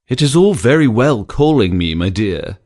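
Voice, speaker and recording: A woman performs an audiobook character voice for a weary, good-humoured English baronet, weak and exhausted, whose speech is sleepy, drawling and affected. She pitches it extremely low with a dark tone and big pitch swings, fully in character at a moderate pace.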